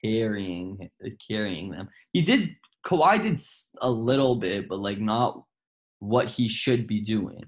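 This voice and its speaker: A young man co-hosting a casual sports chat, relaxed and hesitant, with lots of fillers and slang. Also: on the low side, slow. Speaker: co-host.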